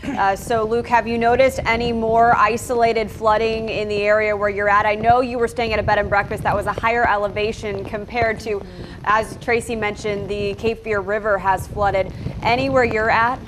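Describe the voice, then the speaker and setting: A woman's voice: mid-range voice, flat delivery, normal speed. A woman news anchor asking questions in an unscripted live news conversation. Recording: clear wind noise from live feed.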